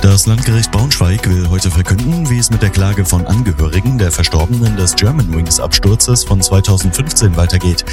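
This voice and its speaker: A man presents a short regional news update in a low voice. A clear music bed plays under him. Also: a little fast, few pauses.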